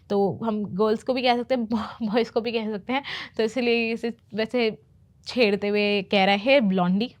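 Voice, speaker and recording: A woman teaching English, patiently explaining movie phrases and repeating them slowly. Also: on the high side. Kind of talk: explaining movie lines in a lesson.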